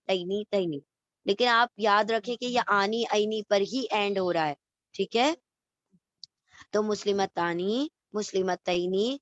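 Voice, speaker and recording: A woman's voice: medium pitch, no room sound. A woman teaching grammar in a lesson, chanting each ending over and over as a drill. She keeps checking that her students follow. The recording is dry and a little dull, with no room sound. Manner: repeats word endings slowly to drill them; checks in with "theek hai?". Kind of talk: Urdu lesson with English terms.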